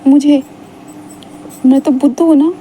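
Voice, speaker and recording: A woman's voice: sits high, fairly even intonation, a little slow, dark tone, a little hiss or hum, rough recording. A woman voicing a flustered, shy young man in love, who stammers and hesitates as she reads a story aloud in Hindi.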